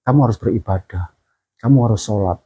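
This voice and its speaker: A man voicing a strict, harsh mother scolding her son, with a husky voice. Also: fairly low pitch, quick pace, warm tone, highs cut off, pitched below the performer's own voice. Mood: stern.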